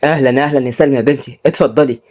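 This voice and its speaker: A woman's voice: rumbling low, fairly even intonation, rapid-fire, darkish tone, voice pushed down. A woman voicing a commanding older father who is a judge, with an Egyptian Arabic accent. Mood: kindly. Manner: commanding, gruff.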